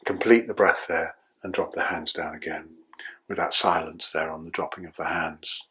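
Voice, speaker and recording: Older male breathwork teacher, low husky voice, calm patient instruction. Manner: calm, slow guiding with checking "yeah?".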